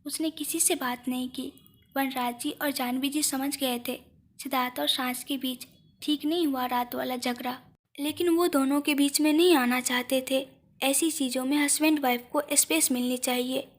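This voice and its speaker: A woman narrating a scripted audio story in a steady, emotional reading voice. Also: high voice, moderate pace.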